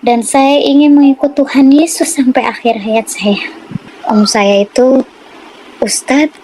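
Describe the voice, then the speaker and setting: An earnest woman from tells her own faith story. Her slightly high voice moves in short, halting phrases at a slow, deliberate pace. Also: darkish tone, a little hiss or hum, low-quality recording. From Jakarta, Indonesia. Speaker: testimony giver. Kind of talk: personal faith testimony.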